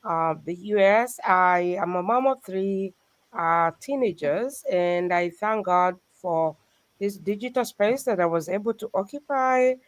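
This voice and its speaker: A woman's voice: medium pitch, a little slow. A woman from Kenya joins a livestream as a guest and speaks in a thankful, reflective way. She hesitates with small fillers as she gathers her thoughts, and her voice comes through a video call. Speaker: guest and pastor. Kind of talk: casual livestream talk.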